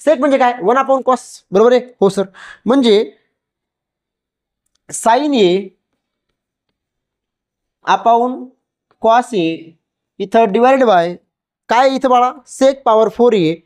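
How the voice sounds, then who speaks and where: Female maths tutor, fairly high voice, unhurried, explaining gently to a child with reassuring check questions. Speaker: maths teacher. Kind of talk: step-by-step lesson, explaining to a child.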